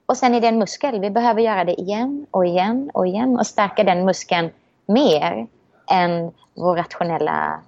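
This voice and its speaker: A woman talking in a relaxed, reflective way, a little hesitant with frequent restarts. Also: mid-range voice, gravelly, no room sound, lo-fi sound. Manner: reflective and optimistic, many restarts. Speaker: guest. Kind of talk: casual conversation.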